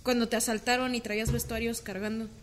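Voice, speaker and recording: A woman's voice: on the high side, little pitch movement, fast, slight background noise. A young woman with a Mexican accent in her twenties, co-hosting and telling stories in rambling, slangy casual chat. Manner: rambling, slangy, peppered with "güey". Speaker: co-host.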